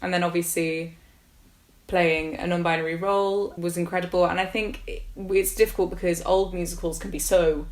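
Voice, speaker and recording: A woman, a drama student, chatting as a podcast guest in a lively way, laughing and searching for words. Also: lowish voice, moderate pace. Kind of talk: casual conversation.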